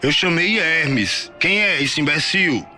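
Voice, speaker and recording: A man's voice: fairly high pitch, lively intonation, slow, faint music behind, pitched above the performer's own voice, exaggerated voice. A man with a Brazilian accent voicing a brutal, mocking army sergeant who barks insults at recruits. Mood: shouting, mocking. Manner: barking, shouting insults.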